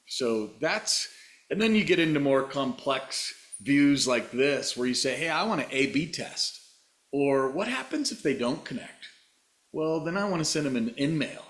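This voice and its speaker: A man's voice: mid-range voice, a bit bright, roomy sound. A middle-aged man giving an enthusiastic, explanatory webinar demo over a video call. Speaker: webinar presenter.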